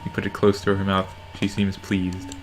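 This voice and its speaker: A narrator reading a visual novel game aloud in a deadpan way. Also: low-pitched, moderate pace, over music. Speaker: narrator in a let's play.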